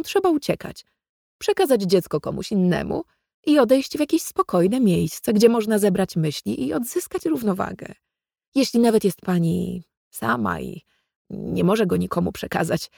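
A woman's voice: mid-range voice, vocal fry, dark tone, dry recording, clean studio sound. A woman reading as a young instructive midwife. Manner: instructive, reassuring. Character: young female community midwife, calm adviser. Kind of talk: read-aloud literary fiction.

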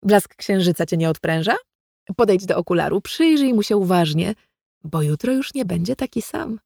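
A woman reading the lines of an enthusiastic, explaining husband in a literary audiobook, with a dry, gravelly voice. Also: mid-range voice, animated, moderate pace, a little mellow, no echo. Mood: eager. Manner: eager, explaining. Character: enthusiastic stargazing husband, adult man. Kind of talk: read-aloud literary fiction.

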